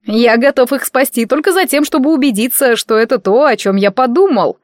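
A woman's voice: on the high side, a little fast, no echo, pitched above the performer's own voice, lightly acted. Storybook young man, playful and mocking, teasing calls done by a female reader, dry recording.

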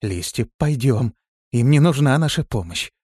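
A man's voice: medium pitch, animated, moderate pace, a little mellow, slightly rough, no room sound, clean studio sound, voice pushed up. A man reading an audiobook, voicing a timid young female demoness who speaks in a trembling, pleading, fearful voice. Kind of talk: audiobook character voice.

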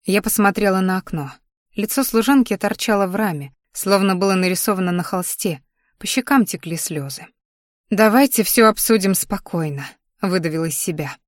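Expressive woman narrating a fantasy audiobook. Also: medium pitch, brisk, no room sound, studio quality. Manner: expressive, emotional reading.

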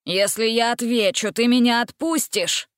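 A woman's voice: fairly high pitch, normal speed, dry recording, clean studio sound, close to an everyday voice. A woman voicing a sly, cowardly male villain who whines and wheedles in a storybook reading. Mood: wheedling. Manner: whiny, wheedling.

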